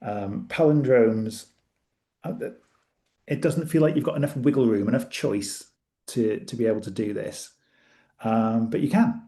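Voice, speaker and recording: A man's voice: mid-range voice, measured pace, dark tone. A man chatting as a guest, eagerly explaining a maths idea and a tool he built. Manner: enthusiastic, explaining with asides. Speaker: guest, maker of maths web tools. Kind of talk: casual chat.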